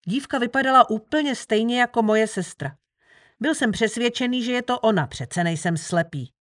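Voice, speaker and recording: A woman narrating an audiobook in the first person with a steady reading manner. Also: a little high, dry recording, clean studio sound.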